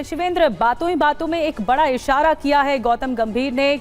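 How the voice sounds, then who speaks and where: Woman, news anchor, high voice, formal, crisp, faint background music. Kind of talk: scripted news reading.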